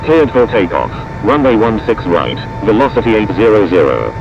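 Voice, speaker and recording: A computer-generated man speaking as an air traffic controller over the radio, reading out clearances in clipped, evenly paced phrasing. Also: fairly low pitch, very animated, normal speed. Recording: dull radio audio under loud engine noise.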